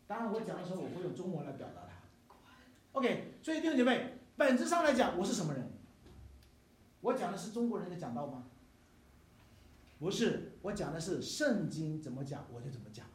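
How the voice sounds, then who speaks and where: An older male pastor preaching with emphasis and tossing rhetorical questions at his listeners. His voice sits a little high for a man. The room is echoey and he stands away from the mic. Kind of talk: sermon. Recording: echoey hall, mic at a distance.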